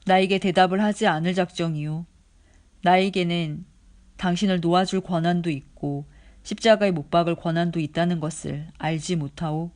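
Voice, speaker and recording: A Bible reader voicing a stern male Roman governor in a formal, measured way. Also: mid-range voice, fairly even intonation, a little mellow, close to an everyday voice.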